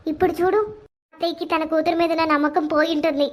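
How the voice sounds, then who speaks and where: A woman's voice: extremely high pitch, steady tone, fast. A woman voicing a sly young daughter-in-law in a cartoon story who schemes and talks smugly. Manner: smug, conspiratorial.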